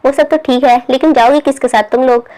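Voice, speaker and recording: A woman's voice: sits high, steady tone, a little fast, dark tone, natural voice. A woman voicing a patient but easily exasperated middle-aged father. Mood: fatherly.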